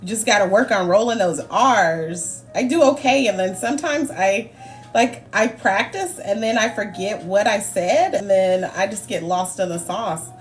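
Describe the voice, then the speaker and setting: A woman's voice: medium pitch, moderate pace. A woman hosts a cooking livestream, chatting freely with her viewers as she works. She laughs often and answers the live chat, with faint music playing behind her. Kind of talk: casual chat while cooking.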